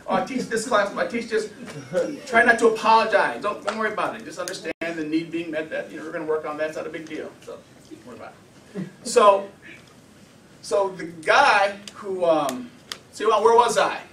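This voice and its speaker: Animated man lecturing in an echoey room. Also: sits high, a little fast, far from the mic, a little hiss or hum. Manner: animated, conversational, acts out quotes. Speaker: anger management instructor. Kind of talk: informal classroom lecture.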